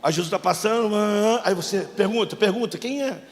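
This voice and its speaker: Pastor guy running a bible skit during a sermon, yells cues and jokes around, echoey church hall. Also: high voice, fairly quick. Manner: coaching volunteers, shouting cues and joking. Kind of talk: sermon with a staged Bible scene.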